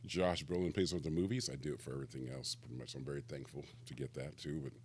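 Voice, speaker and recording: A man talking casually as a podcast guest, relaxed as he tells stories about his career. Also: a bass voice, fast talker, a little hiss or hum. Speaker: guest actor. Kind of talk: casual interview chat. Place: podcast studio.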